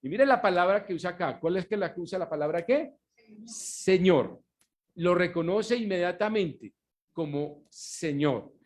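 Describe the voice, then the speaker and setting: A man's voice: high-pitched, animated. A male pastor giving a sermon, stressing key words and asking his congregation rhetorical questions for them to finish. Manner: emphatic preaching with slowed, stressed words.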